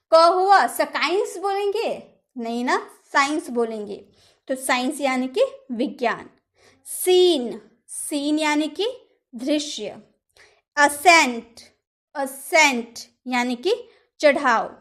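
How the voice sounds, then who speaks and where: A woman's voice: high-pitched, fairly bright tone. A woman teaching an English lesson, patiently asking her listeners questions and answering them herself. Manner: patient, asks the class rhetorical questions. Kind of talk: classroom lesson.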